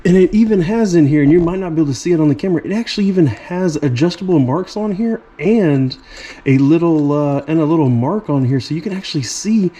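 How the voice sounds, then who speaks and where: Excited man unboxing a drift car. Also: on the high side, quick pace. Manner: enthusiastic, exclaiming over features; talks to viewers directly. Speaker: RC car reviewer. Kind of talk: product unboxing and review.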